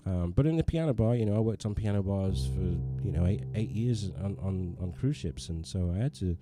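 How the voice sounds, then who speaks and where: This pianist hosting a livestream from his living room, digital piano nearby, speaks in a lowish, animated voice that runs a little fast over music. He chats with viewers in a rambling, self-deprecating manner full of restarts.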